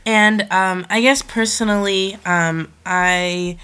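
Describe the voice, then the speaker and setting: A woman's voice: mid-range voice, fairly even intonation, slow, sharp tone, smooth. A young woman hosting a podcast in casual talk, hesitant as she searches for words, with a nasal whine from a congested cold. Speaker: podcast host.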